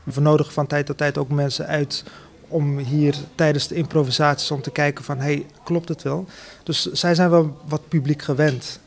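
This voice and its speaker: A man, a theater director, answering interview questions earnestly with many pauses and fillers. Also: a little high, little pitch movement, vocal fry.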